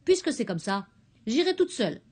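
A woman voicing a lively, headstrong little girl in a storybook, eager and bold. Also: fairly high pitch, normal speed, slightly rough, pitched above the performer's own voice.

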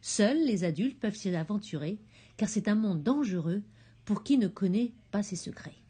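A woman's voice: mid-range voice, animated, normal speed, warm tone, breathy edge. A woman voicing a protective mother in a storybook, firm and warning. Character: protective mother, stern and caring.

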